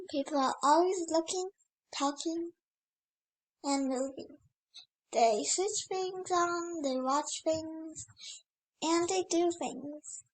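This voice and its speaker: In a rough recording, a child with a high voice hosts a read-aloud of a picture book, breaking off now and then to exclaim in wonder at the pictures.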